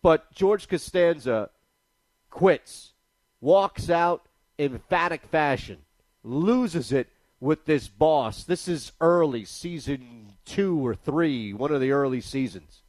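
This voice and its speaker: A man's voice: fairly high pitch, lively intonation, slow, a little mellow, no echo. Guy hosting sports radio, worked up and emphatic, dry close mic. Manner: indignant, emphatic. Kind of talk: sports talk radio commentary.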